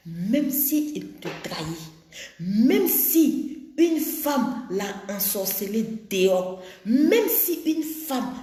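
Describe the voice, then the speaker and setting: A woman, giving frank advice to women in a blunt, preachy way. She swings between loud exclamations and low murmurs. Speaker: relationship advice host. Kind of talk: frank intimate advice monologue. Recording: echoey room.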